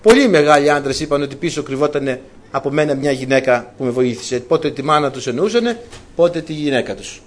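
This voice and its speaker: A man's voice: on the high side, lively intonation. A man preaching a sermon, telling stories to his congregation with colloquial asides and calling them dear brothers.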